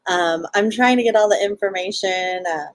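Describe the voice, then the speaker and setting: A woman's voice: mid-range voice, normal speed, no room sound. A woman from Los Angeles with a Californian Valley Girl accent, chatting casually as an interview guest in a bubbly, slangy sorority-girl manner. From Los Angeles, United States. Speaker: podcast guest, show co-founder and event organizer. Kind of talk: casual live interview chat.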